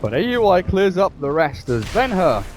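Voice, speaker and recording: A man giving animated live play-by-play commentary on a video game match as an esports caster. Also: high-pitched, moderate pace, slight background noise. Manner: animated play-by-play, rising with the action.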